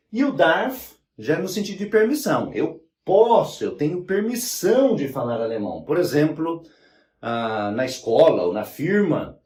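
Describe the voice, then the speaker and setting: Guy teaching german at a board, super lively voice, slow, roomy echo. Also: medium pitch. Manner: explains slowly, spelling out German forms, with frequent "né?" and "tá?". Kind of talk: whiteboard language lesson. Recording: roomy sound from a distant mic.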